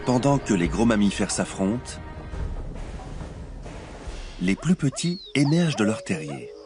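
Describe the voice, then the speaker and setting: A man delivering scripted nature documentary narration in a measured, expository storytelling way. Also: lowish voice, very animated. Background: music.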